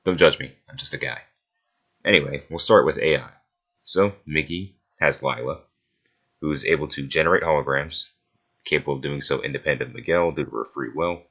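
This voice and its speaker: A man with an extremely low voice that still has a forceful, bright edge. He delivers analytical commentary point by point, matter-of-fact with casual asides. The close-miked recording sounds a little dull and lo-fi. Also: fairly quick. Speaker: video essayist debunking a versus match-up.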